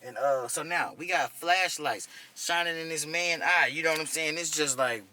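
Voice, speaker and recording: Guy in his 30s telling army medic stories, swears a lot, really bright edgy voice. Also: fairly high pitch, normal speed, a little hiss or hum. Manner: profane, conversational, keeps asking "you know what I'm saying". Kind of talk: casual first-person storytelling.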